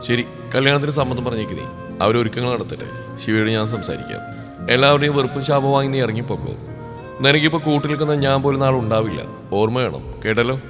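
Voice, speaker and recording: A man voicing a protective young man who talks to his cousin in a steady, serious way. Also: medium pitch, fast talker, close to an everyday voice. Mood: earnest. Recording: reverberant room with background music.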